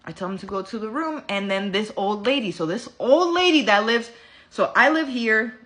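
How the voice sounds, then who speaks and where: A woman telling a story at home in a bright, sharp-edged voice. She talks in a casual, animated way, sassy and full of swearing, like she is venting to her followers. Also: fairly high pitch, moderate pace. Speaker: vlogger.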